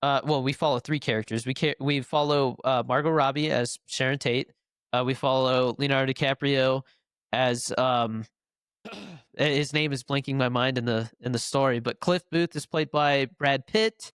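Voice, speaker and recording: A man's voice: medium pitch, normal speed, a bit bright, smooth, no echo, clean studio sound. A man co-hosting a filmmaking podcast, nasal and congested from a cold, rambling through a casual chat with fillers and restarts. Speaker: podcast co-host.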